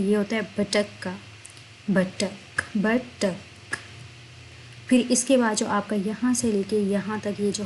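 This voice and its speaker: A woman teaching vocabulary, explaining each word in Hindi and repeating it slowly twice. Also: mid-range voice, darkish tone, a little hiss or hum, low-quality recording. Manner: slow, drawn-out spelling of words, repeats each word twice. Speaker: English teacher.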